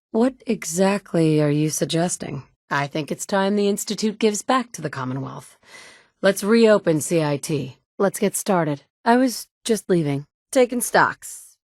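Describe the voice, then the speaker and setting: This actress records short video game dialogue lines in a studio booth for the player character, a tough, blunt wasteland survivor who leads others. Her lowish, darkish voice has lively intonation and a moderate pace, close to an everyday voice, and her delivery is terse, firm, and often curt. The audio is clean studio sound without echo.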